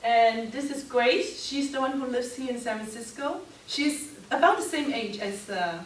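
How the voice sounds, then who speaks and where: In an echoey seminar room, captured by a far-off microphone with a bit of hiss or hum, a fifty-something woman from Hong Kong leads a live workshop talk. Her Cantonese-accented voice is a little high and moves at a moderate pace, and she keeps the audience involved with questions.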